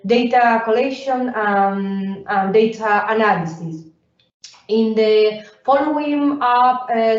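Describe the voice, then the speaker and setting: A woman giving an academic workshop presentation, halting and full of fillers and restarts. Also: on the high side. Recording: roomy, distant, dull sound.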